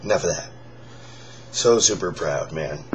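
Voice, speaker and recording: Man, very hoarse, raspy whispery croak, low, tired, rambling vlog chat, lo-fi with faint background noise. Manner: halting, rambling. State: lost voice, forcing air through a strained throat. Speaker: singer in a band, vlogger. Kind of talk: casual solo chat to viewers. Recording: dull lo-fi sound with faint noise.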